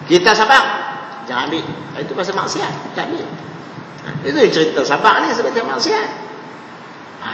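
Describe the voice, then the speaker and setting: A man's voice: sits high, dull audio, a little hiss or hum. A man with a Northern Malaysian Malay accent, giving a mosque lecture and often asking "ha, kan?" to his listeners. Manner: animated, rhetorical questions with frequent "ha, kan?". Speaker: religious teacher. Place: mosque hall. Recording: echoey hall with faint ambience.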